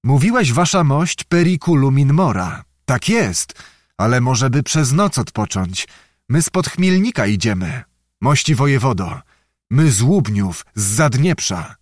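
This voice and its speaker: A man's voice: mid-range voice, sing-song, a little slow, dry recording, clean studio sound. A man voicing a tireless prince and army commander who speaks firmly. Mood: commanding.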